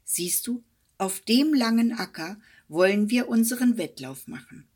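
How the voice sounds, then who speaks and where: A woman voicing a bossy, cunning male hedgehog in a fairy tale, gruff and commanding. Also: fairly high pitch, animated, unhurried, a little mellow, voice pushed up. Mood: scheming.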